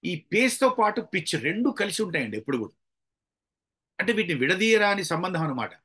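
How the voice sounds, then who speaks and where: A public speaking trainer from India gives an instructional talk on delivery, explaining step by step and acting out examples in an emphatic, demonstrative way. His high voice is sing-song, brisk, pushed and bright, with a husky edge.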